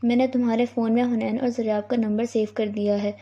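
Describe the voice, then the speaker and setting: A woman's voice: on the high side, little pitch movement, mellow. A woman reading the lines of a playful young man who teases his mother and sister, on a dull lo-fi recording. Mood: teasing. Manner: playful, teasing. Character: teasing young man, fond elder brother.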